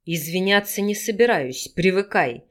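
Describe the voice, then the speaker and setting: A gruff male werewolf, as a woman reader puts him on growls his lines in a husky, commanding tone. He sounds possessive and rough at the edges, read as part of an audiobook. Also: lowish voice, expressive, moderate pace, a bit bright.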